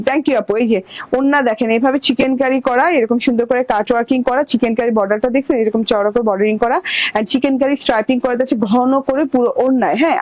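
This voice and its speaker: High-pitched woman doing a live clothing sale, chatty and animated, kinda dull lo-fi stream audio. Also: dry recording. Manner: chatty, animated, addresses viewers as sisters. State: blocked ears from a cold. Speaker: online clothing seller.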